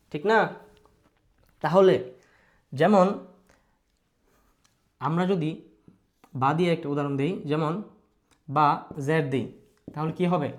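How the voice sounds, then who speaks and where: Man, Bangladeshi Bengali accent, high voice, Quran teacher, patient, repetitive, questioning. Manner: patient, repetitive, asks pupils questions and models drawn-out sounds. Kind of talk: recitation lesson.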